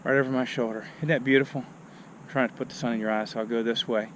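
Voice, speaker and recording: A man's voice: mid-range voice, fairly even intonation, fast. Man, pastor, casual outdoor vlog, breathless from walking uphill, phone at arm's length, faint background noise. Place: outdoors on a hill.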